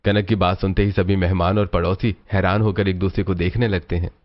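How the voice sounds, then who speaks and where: A man narrating a cartoon family story in a steady, even storytelling manner. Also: low-pitched, fairly quick, highs cut off. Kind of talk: scripted narration.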